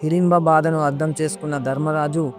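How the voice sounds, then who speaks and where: A man narrating a mythological story in a steady, scripted reading. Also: a little high, a little fast. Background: faint background music.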